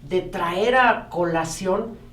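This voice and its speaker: A woman moderating a political panel discussion in a measured, steering way. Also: medium pitch, a bit bright, a little hiss or hum. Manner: measured, steering the talk, frequent backchannel. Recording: roomy echo, a bit far from the mic.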